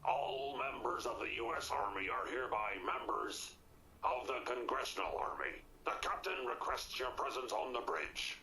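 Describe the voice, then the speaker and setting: A man's voice: medium pitch, expressive, moderate pace, pushed and bright. An actor playing a stern male military robot that scans people and recites orders in a clipped, formal way. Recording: echoey game audio with background noise.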